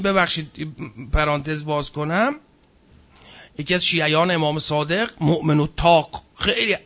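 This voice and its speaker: A man's voice: high-pitched, pushed and bright, muffled recording. A man giving a religious history lecture, reading passages aloud and adding casual spoken asides. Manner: reads from a book, then comments in casual speech.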